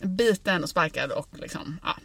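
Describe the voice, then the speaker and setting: A woman's voice: lowish voice, creaky, a bit bright, slight background noise. A woman co-hosting a podcast from inside a car, chatting candidly and with enthusiasm. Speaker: podcast co-host. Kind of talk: casual chat.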